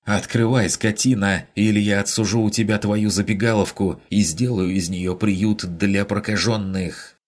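A man voicing a furious stranded woman who shouts commands with a hoarse, shrieking edge. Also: deep voice, fairly even intonation, moderate pace, hardly any pauses, voice pushed up, natural voice. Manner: imperious, insulting, demanding. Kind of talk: audiobook character voice.

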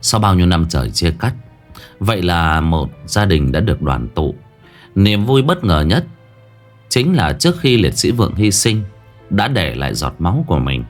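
Give me a man narrating a sad tale emotionally, with an expressive voice over soft music. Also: sits low, moderate pace. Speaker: storyteller.

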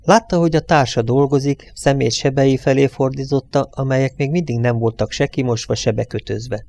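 Give me a man with a gravelly voice narrating an audiobook calmly. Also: medium pitch.

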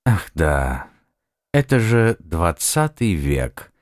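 A man's voice: low voice, dry recording, studio quality, full character voice. A man playing a composed, courteous man of the future. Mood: calm. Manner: calm, polite, measured.

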